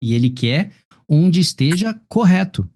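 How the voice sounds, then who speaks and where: Brazilian man teaching grammar, mellow voice. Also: fairly high pitch, big pitch swings, measured pace. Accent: Brazilian Portuguese. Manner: explanatory, repeats "tá vendo?" and "ó" often. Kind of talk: live online class correcting a test.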